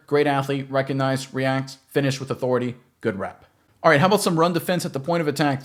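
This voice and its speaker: A man giving an emphatic, coach-like football film breakdown and talking straight to his viewers. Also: mid-range voice.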